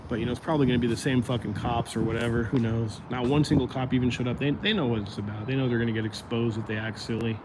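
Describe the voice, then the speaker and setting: A man's voice: mid-range voice, steady tone, quick pace, hardly any pauses, noisy background. A man hosting a casual livestream, rambling and chatting straight to his viewers, his voice going out. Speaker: livestream host.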